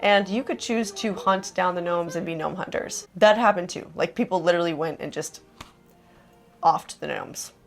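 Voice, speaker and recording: A woman's voice: fairly low pitch, normal speed, faint music behind. Chatty young woman vlogger. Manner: chatty and enthusiastic, lots of "like". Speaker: vlogger host. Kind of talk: casual vlog narration.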